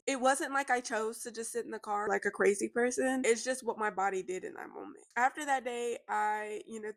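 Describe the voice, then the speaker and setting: A congested woman in a heart-to-heart vlog, her words a little slurred and her voice gravelly with fry. She talks in a candid, reflective way that loops back and restarts. The sound is dry and close. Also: medium pitch, dry recording. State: congested, slightly slurred speech. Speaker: vlogger. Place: indoors at a relative's house.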